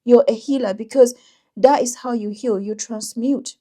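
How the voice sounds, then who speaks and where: A woman doing a tarot reading for viewers, talking in a thoughtful, intuitive way with frequent pauses and restarts. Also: fairly high pitch, dark tone. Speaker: tarot reader.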